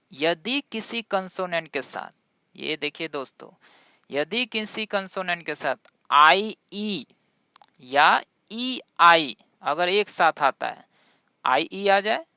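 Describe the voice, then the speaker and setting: A woman's voice: on the low side, pushed and bright, clean tone, dry recording, studio quality. A woman with Hindi as her first language teaching English pronunciation, spelling words out letter by letter and quizzing her viewers as she goes. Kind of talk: classroom-style spoken lesson.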